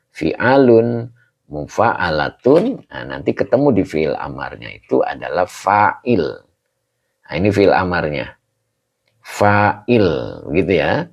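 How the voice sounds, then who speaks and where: Low gravelly male religious teacher. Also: very animated, a little slow, long pauses. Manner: greets students by name, teaches patiently. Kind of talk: online kitab class. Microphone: video call. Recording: dull lo-fi call audio.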